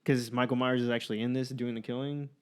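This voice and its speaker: A man co-hosts a film podcast in a casual chat. His voice is smooth and clear, and he talks in an easygoing, good-humored way. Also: mid-range voice, flat delivery, fast talker. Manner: easygoing, laughs often. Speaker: podcast co-host.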